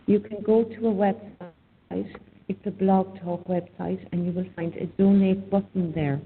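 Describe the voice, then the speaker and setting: A woman calling in to a talk show, deliberately keeping her voice low, with her voice sounding like it is in a cave. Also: slight background noise. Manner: deliberately speaking low and quiet. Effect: cave-like echo on her voice. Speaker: co-host and group administrator calling in. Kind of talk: call-in talk show chat. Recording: tinny phone line with cavernous reverb.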